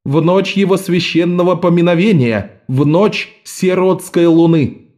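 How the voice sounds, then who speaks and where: A man's voice: high-pitched, unhurried, darkish tone, pitched above the performer's own voice. A man doing an exalted shadow-cult priestess. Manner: exalted, chanting. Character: ecstatic woman priestess of the shadow god.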